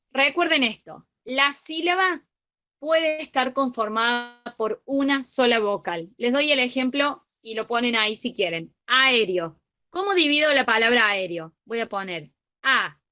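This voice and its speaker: Young woman w rioplatense accent teaching grammar online, bright voice, keeps asking if everyone follows. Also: high-pitched. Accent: Rioplatense Spanish. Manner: patient, checks understanding with frequent "¿sí?". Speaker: study group tutor.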